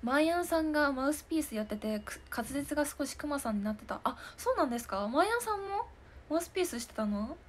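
A woman's voice: high-pitched, big pitch swings, fast talker. A young woman in her twenties hosting a stream, chatting casually and giggling as she answers viewer comments. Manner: giggly and chatty, often laughing. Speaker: idol hosting a live stream talk show.

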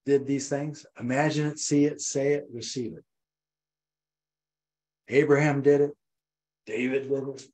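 An older man preaching a sermon as pastor, animated and repetitive, acting out voices. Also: poor audio. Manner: animated, repeats phrases, acts out voices with rising pitch. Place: church.

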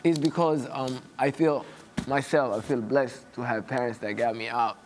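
A young man from Somalia, an actor guest in a studio interview, talking softly and haltingly with many fillers, on a lapel mic. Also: medium pitch, fairly even intonation, a little hiss or hum. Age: young adult. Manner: hesitant, soft-spoken, many "you know" fillers. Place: TV studio set, indoors.

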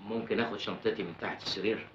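A man playing a fast, glib Egyptian charmer. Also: lowish voice, steady tone, fairly bright tone, slight background noise, natural voice. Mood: playful. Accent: Egyptian Arabic. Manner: glib, joking, mock-dignified. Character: cheeky young man, smooth-talking, playfully evasive. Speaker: stowaway hiding on a ship. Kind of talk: 1970s film comedy acting. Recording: dull, roomy old film soundtrack.

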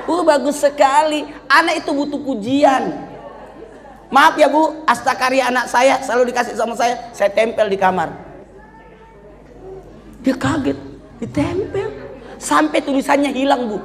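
A man in his fifties giving a humorous religious talk to an audience. He jokes constantly and leaps into high squeaky voices. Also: normal speed, long pauses, fairly bright tone. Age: 50s. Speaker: preacher. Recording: hall reverb with faint crowd.

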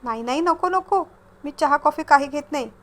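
A woman's voice: high voice, normal speed, a bit bright. A woman voicing a witty, composed young woman traveler in a read-aloud story, with a light, teasing, polite manner.

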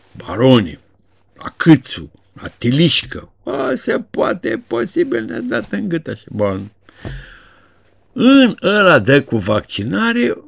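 A man's voice: vocal fry, breathy edge. A man in his seventies, a journalist, giving a casual, sarcastic commentary monologue in a colloquial way. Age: 70s. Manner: colloquial, sarcastic, swings widely in pitch. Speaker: journalist and video blogger.

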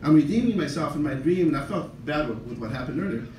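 A man's voice: fairly high pitch, expressive, quick pace, darkish tone, a little hiss or hum. An older man with a Mexican-American accent doing a stand-up set, self-deprecating and rambling, with frequent asides to the crowd. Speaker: stand-up comedian. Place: comedy club stage. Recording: roomy club sound from a distant camera. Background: audience laughter.

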